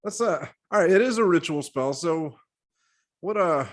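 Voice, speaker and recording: A man's voice: a little high, lively intonation. Guy on a game podcast, stumbles and restarts, jokes at his own expense. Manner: halting, self-deprecating, restarts. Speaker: co-host. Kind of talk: casual podcast chat.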